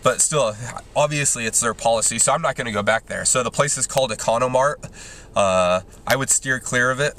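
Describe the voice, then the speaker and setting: A man's voice: mid-range voice, fairly quick, a bit bright. A man ranting casually to camera, rambling and exasperated, with frequent restarts. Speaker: vlogger. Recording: faint background noise.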